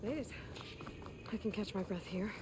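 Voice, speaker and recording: An actress playing a young woman hunter in a video game, calm, practical and reassuring. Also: medium pitch, unhurried, background noise, close to an everyday voice. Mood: steady. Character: young woman hunter, steady, resolute explorer. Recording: game audio under loud music.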